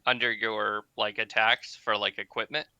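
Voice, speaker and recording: A man's voice: on the low side, flat delivery, normal speed, creaky, pushed and bright, smooth, no room sound, highs cut off. A man playing a tabletop game, narrating his character's actions with jokes. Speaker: player. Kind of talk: casual tabletop game play.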